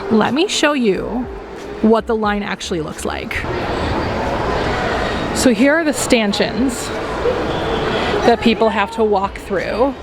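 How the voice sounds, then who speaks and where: A woman's voice: fairly high pitch, animated, slow pace, long pauses. Woman vlogger, casual to-camera chat, dry sarcastic edge, city traffic noise audible. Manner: chatty, wryly sarcastic. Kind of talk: casual vlog narration to camera. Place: outdoors in a city, at a convention. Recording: noisy outdoor city street.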